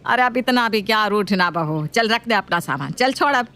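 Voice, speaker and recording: A woman's voice: lively intonation, pushed and bright. Woman doing a nagging old mother-in-law. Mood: scolding. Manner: scolding, slow and lower-voiced.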